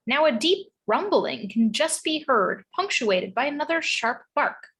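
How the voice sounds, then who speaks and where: A woman's voice: high voice, sing-song, unhurried, a bit bright. A woman narrating the stage directions of a script in a read-through.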